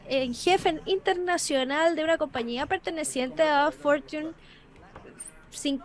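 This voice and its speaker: High-voiced woman interpreting a panel. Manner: brisk, with small word restarts and self-corrections. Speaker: voice-over interpreter for an online panel. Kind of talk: live interpretation voice-over.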